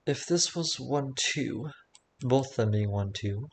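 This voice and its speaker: A man streaming himself solving logic puzzles, thinking aloud in halting, self-correcting murmurs. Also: mid-range voice, animated, a little hiss or hum.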